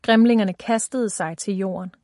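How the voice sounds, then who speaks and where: A woman narrating a children's fantasy audiobook in a calm, even storytelling voice. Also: mid-range voice, no echo, studio quality.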